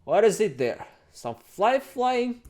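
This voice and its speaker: Over game music and some background noise, this let's-play host speaks in a high, very animated voice while taking things slowly. He reads the game's text theatrically and playfully, tossing in jokes and exclamations to himself.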